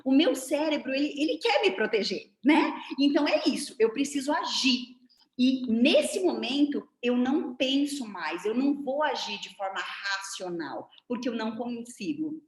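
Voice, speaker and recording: A woman with a Brazilian Portuguese accent teaches a seminar over a video call and walks her listeners through each point step by step. Her pitch sits a little high and swings in a lively way. Her voice rings with a noticeable room echo. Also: moderate pace. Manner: didactic, animated, demonstrating with her hands. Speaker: seminar lecturer. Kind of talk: online lecture. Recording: roomy echo.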